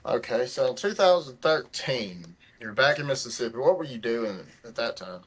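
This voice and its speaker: A man's voice: mid-range voice, animated, moderate pace, a bit bright, slight background noise. A man hosting a podcast, asking casual, encouraging questions in a conversational interview. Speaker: podcast host.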